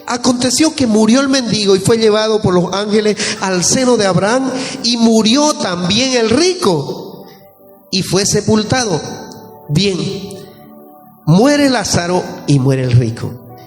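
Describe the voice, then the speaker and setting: A man's voice: sits high, animated, unhurried. A male pastor with a Bolivian Spanish accent preaching a sermon, explaining scripture and questioning the congregation. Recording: echoey church hall with faint music.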